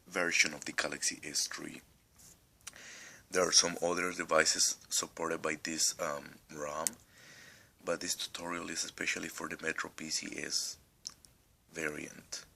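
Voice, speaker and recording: A man's voice: very deep voice, gravelly, sharp tone, breathy edge. A man with a non-native accent walking through a phone tutorial step by step, rambling a little and fighting a cough. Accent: non-native English accent. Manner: rambling, restarts often, step-by-step. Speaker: tech tutorial host. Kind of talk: casual screen tutorial.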